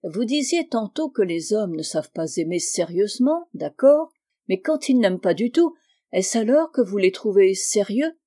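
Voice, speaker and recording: An ironic, quick-witted diplomat in his middle years, read by a woman. His replies are dry and teasing, in a mellow, unhurried tone. Audiobook reading. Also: mid-range voice, expressive, lightly acted. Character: witty, ironic male diplomat, middle-aged.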